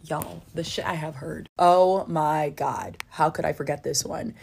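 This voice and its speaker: A woman's voice: deep voice, fairly even intonation, measured pace, gravelly, a little mellow, slight background noise. A woman telling a spooky family story in casual chat, rambling with many fillers and sometimes dropping to a whisper.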